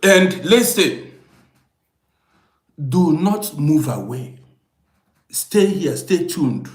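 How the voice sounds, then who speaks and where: A slightly mellow, mid-range male voice carries through an echoey room: a fifty-eight-year-old storyteller from Vienna, Austria, hosting a casual livestream. He speaks to his viewers with emphasis and keeps insistently repeating himself.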